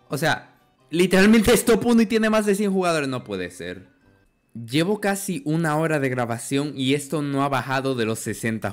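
A man, his voice worn out from talking, commentating his gameplay casually and swinging from mumbles to yelps. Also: mid-range voice. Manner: excitable, swings from mumbling to yelling. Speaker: gaming youtuber.

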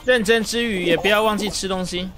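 A woman streamer voicing a sweet, gentle, refined young lady in a soft, hushed, cutesy tone. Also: medium pitch, a little fast, voice pushed down, close to an everyday voice. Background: game music.

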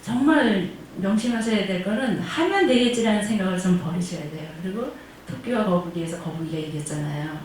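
A woman's voice: mid-range voice, a little fast, a little mellow, far from the mic. Woman teaching Chinese in an echoey room. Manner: demonstrates tones and sounds aloud, sometimes singing them; asks the class questions she then answers. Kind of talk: online pronunciation lesson. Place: classroom of a senior welfare center. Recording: very echoey room, voice from afar, faint noise.

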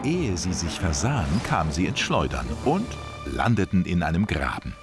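A man reading a children's story as scripted narration, in an expressive, sing-song telling. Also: low voice, normal speed. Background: music.

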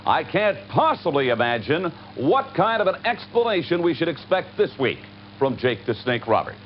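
Male TV announcer, dramatic and lively, slightly high; dull lo-fi sound with faint hum. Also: normal speed. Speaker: TV wrestling announcer. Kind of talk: broadcast commentary.

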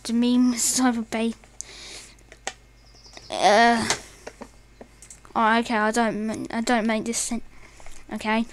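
A young woman giggling and rambling excitably through a casual meme reaction commentary. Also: a little high, takes it slowly, pauses often, a little hiss or hum. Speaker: meme reaction video host.

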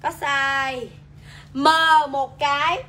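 A woman's voice: high voice, little pitch movement, extremely slow, pushed and bright. A young woman with a southern Vietnamese accent selling clothes on a livestream in an insistent, repetitive hard-sell manner, addressing viewers directly. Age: young adult. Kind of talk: live hard-sell shopping pitch. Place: small clothing shop, indoors. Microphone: phone at arm's length or on stand.

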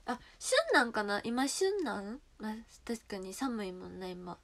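A woman's voice: medium pitch, sing-song, measured pace, gravelly, fairly bright tone. A young woman with a Kansai accent chatting casually with viewers on a livestream, playful and direct. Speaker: idol livestreamer.

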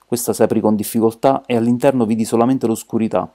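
Brief: defensive, excitable colonel voiced by a male reader, dark tone, storybook reading. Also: medium pitch, quick pace, close to an everyday voice. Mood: agitated. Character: agitated middle-aged male ex-army colonel.

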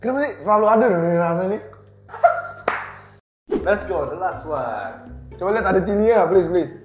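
A young man, talking while chewing in excitable, slangy banter as host of a casual food-tasting chat. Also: sits high, brisk. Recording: echoey room with music playing.

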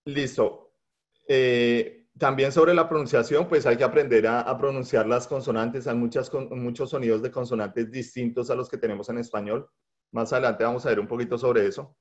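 Over a video call, a man leads a language workshop lecture, his middle-pitched voice holding a steady tone at normal speed. He's patient but hesitant, with lots of fillers and restarts, and the computer mic makes the online audio sound dull and lo-fi.

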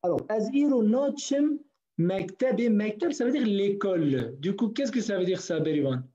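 A man's voice: high-pitched, lively intonation, moderate pace, dark tone. A man from northern Kurdistan teaching a language class online, patiently repeating words for his students. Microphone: video call. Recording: dull lo-fi online call audio.

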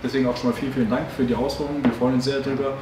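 Rapid-fire and flat, his mid-range voice carries a rambling, filler-heavy chat full of restarts and self-corrections. He's a thirtysomething co-host of a tabletop game channel, casually leading into a battle report from inside a hobby game shop. Expect an echoey room, a mic placed far off, and a faint hiss.

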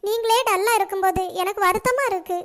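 A woman's voice: very high-pitched, fast, a bit bright. A woman voicing a caring, outspoken young schoolgirl in a cartoon, chatty and concerned.

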